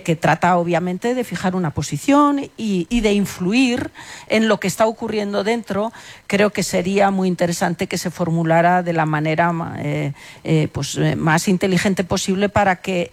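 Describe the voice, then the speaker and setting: A woman giving measured, formally worded commentary as a radio panellist. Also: mid-range voice.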